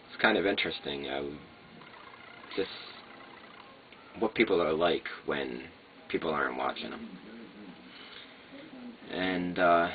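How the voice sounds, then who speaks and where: A man talks in an extremely low voice with slurred speech. He rambles casually and hesitantly, wandering from thought to thought like a vlogger. The sound is narrow and phone-like, with faint noise behind him. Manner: hesitant, meandering, trailing off. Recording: noisy, muffled phone-like sound.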